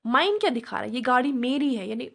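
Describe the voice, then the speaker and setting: A woman teaching a grammar lesson, coaxing her students and often checking that they understand, reading definitions slowly. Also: sits high, lively intonation, vocal fry, fairly bright tone. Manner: reads English definitions slowly. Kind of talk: classroom grammar lecture.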